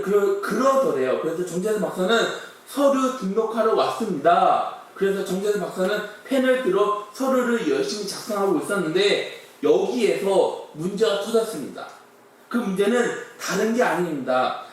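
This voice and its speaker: High-voiced pastor preaching in an echoey hall. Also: male voice. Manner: storytelling with acted-out dialogue and questions to the congregation. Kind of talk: sermon. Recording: echoey room, mic far off.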